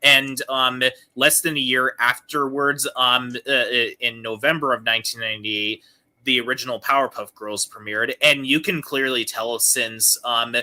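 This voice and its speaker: A man co-hosting a casual cartoon podcast, talking in a halting way with many ums and restarts. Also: mid-range voice, fairly even intonation, sharp tone. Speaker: podcast co-host.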